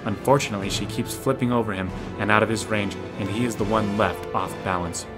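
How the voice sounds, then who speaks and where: Over prominent music, a man with a fairly low voice narrates an audio drama in scripted, present-tense action prose. His tone stays steady and his pace is brisk.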